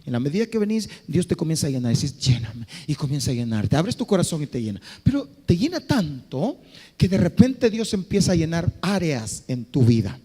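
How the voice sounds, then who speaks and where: A man, a pastor, preaching an impassioned sermon, moving between loud exhortation and quiet, drawn-out phrases. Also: on the high side, big pitch swings, breathy edge. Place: church hall. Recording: reverberant church hall.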